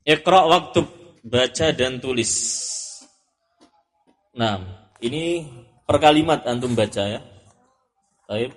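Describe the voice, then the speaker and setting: A man's voice: mid-range voice, slow, long pauses. A man teaching an Arabic lesson, patiently repeating and correcting each student's answer. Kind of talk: classroom drill lesson.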